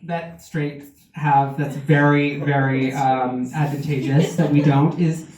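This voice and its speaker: This distant, echoey bootleg carries loud noise and was captured covertly from the crowd. On stage at a benefit show, a man with a slightly high voice speaks slowly and fairly evenly, delivering confessional jokes at his own expense.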